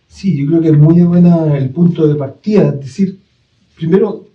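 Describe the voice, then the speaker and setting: A middle-aged man from El Salvador, a psychologist guest on a live radio interview, explaining calmly. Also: on the high side, normal speed. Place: radio studio. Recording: roomy, distant, dull radio recording.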